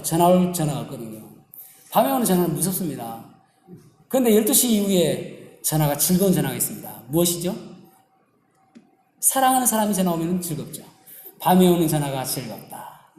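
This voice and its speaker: A man preaching a Sunday sermon as pastor, mixing stories and scripture in an animated style, in an echoey church hall. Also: high-pitched.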